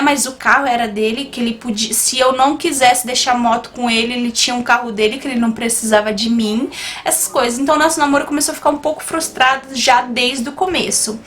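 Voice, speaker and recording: A young woman with a high, bright voice tells a personal story to her channel. She is animated and chatty, and she keeps turning to her viewers as she talks. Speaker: YouTuber. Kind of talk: storytime vlog.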